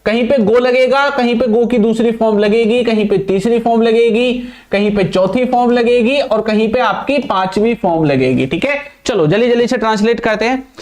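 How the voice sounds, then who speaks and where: A young man teaching an English grammar lesson, quizzing the viewer with repeated questions and answering them himself, speaking English words. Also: extremely high pitch. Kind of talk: classroom-style grammar lesson.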